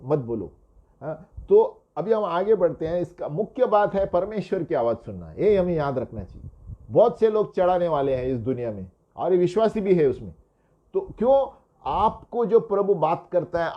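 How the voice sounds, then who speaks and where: A male pastor teaches a sermon in a conversational way, often checking in with tag questions and acting out quoted dialogue. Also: fairly high pitch. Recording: dull lo-fi sound.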